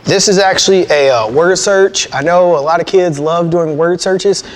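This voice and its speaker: An American man in his thirties with a slightly high voice speaks to young children as their Bible teacher. His manner is friendly and plain, explaining things in simple words like someone reading a storybook to a class. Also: moderate pace, a little hiss or hum. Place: indoors before a painted backdrop.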